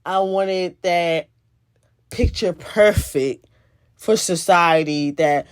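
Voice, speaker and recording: A woman's voice: on the low side, extremely slow, smooth, no room sound, studio quality. A woman telling a personal spiritual testimony in an earnest, conversational way, repeating phrases for emphasis. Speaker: spiritual video host.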